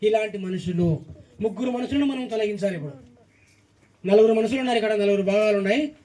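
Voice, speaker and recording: A man's voice: sits high, fast talker, mellow, recorded from a distance. A man preaching a sermon, emphatic, reeling off repeated lists and firing questions at the congregation.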